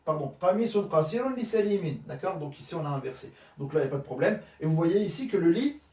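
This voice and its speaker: A man's voice: on the high side, lively intonation, fast talker, dark tone, recorded from a distance. A man teaching Arabic grammar in French, correcting exercises step by step, with many fillers and frequent checks for understanding. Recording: echoey room, voice somewhat off-mic.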